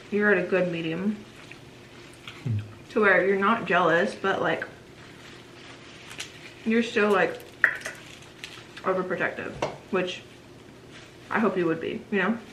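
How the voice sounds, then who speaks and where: A woman's voice: mid-range voice, slow pace, long pauses, fairly bright tone. A young woman in her twenties hosting a casual Q&A chat while eating, talking chattily with lots of "like". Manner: chatty, says "like" a lot. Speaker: vlogger and host. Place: home room. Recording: echoey home room with noise.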